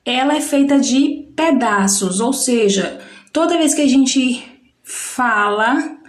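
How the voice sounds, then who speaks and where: A woman's voice: on the high side, roomy sound. A woman teacher gives a recorded lesson to young schoolchildren, patiently stretching out words to show the syllables. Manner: slow, patient, drawn-out syllables when demonstrating. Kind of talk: recorded classroom lesson for children.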